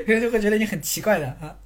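A woman teaching a language in a casual livestream, chatty and teasing, talking straight to her viewers and laughing often. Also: medium pitch.

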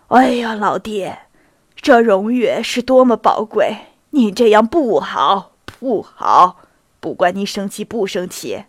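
A woman reading the lines of a stern older cavalry captain, deliberate and reproachful. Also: mid-range voice, dry recording, studio quality, pitched below the performer's own voice.

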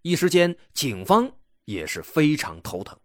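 Animated male true crime narrator. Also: a little high, a little slow, no echo. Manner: conversational explaining with rhetorical questions.

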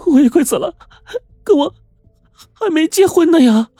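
A male storyteller voicing an excitable, chatty young woman in an exaggerated high falsetto. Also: moderate pace, no room sound, faint music behind. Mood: wailing.

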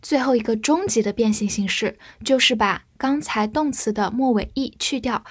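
A woman teaching English vocabulary, spelling words out letter by letter and repeating them slowly. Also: on the high side, a little mellow, breathy edge, dry recording, clean studio sound. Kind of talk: explanatory vocabulary lesson.

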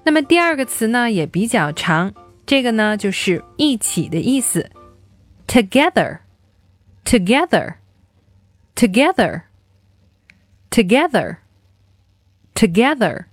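A woman teaching young children simple English phrases, explaining words and repeating them slowly for practice. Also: on the high side, big pitch swings, no echo, faint music behind. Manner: slow, drilled repetition of English words.

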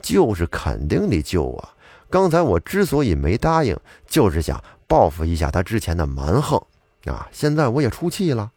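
A man's voice: fairly low pitch, huge pitch swings, moderate pace, darkish tone, breathy edge, dry recording, exaggerated voice. A man as a proud, grudging young scholar.

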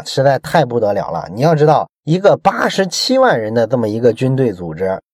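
A man's voice: medium pitch, darkish tone, no echo, clean studio sound. A man explaining a book in a chatty storytelling way, with many rhetorical questions to the listener. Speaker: book commentator.

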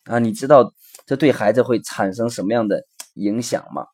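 A man's voice: medium pitch, moderate pace, a little mellow, slightly rough. A man hosting a recorded parenting lesson, explaining earnestly with frequent fillers and acting out the dialogue of his examples. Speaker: parenting educator and podcast host.

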